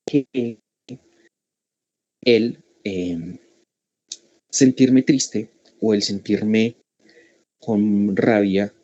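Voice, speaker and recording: A man with a Colombian Spanish accent and a low, dark voice leads a school workshop for parents. He explains things step by step, often checking in with "¿cierto?" and "¿sí?"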